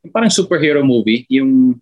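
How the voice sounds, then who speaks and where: Giggly, animated male podcast co-host. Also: mid-range voice, fairly quick. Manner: chatty, giggles often, switches between Tagalog and English. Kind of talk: casual podcast chat about a movie.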